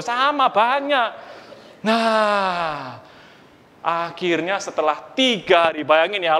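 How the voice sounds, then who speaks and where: A man's voice: extremely high pitch, pushed and bright. A man with a Surabaya Javanese-inflected accent preaching a sermon, telling a story with acted-out dialogue and questions to the congregation. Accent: Surabaya Javanese-inflected Indonesian. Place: large church hall. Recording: long reverb of a large hall.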